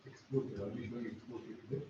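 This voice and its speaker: A man's voice: mid-range voice, steady tone, fast talker. A man joining a webinar with short questions and requests to the presenter. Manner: brief interjecting requests. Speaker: webinar participant. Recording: distant, roomy, lo-fi call audio with noise.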